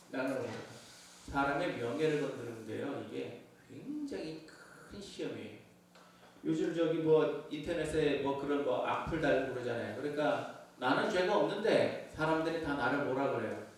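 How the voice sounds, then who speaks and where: A man's voice: mid-range voice, animated, normal speed, a little hiss or hum. A male pastor giving a conversational sermon to his congregation, often asking them questions. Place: church sanctuary. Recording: echoey church from far off.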